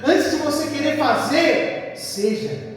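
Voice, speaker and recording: A man's voice: extremely high pitch, animated, slow pace. A man preaching a sermon in a church, emphatic and repetitive, calling his listeners brother. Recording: echoey hall from far off, music behind.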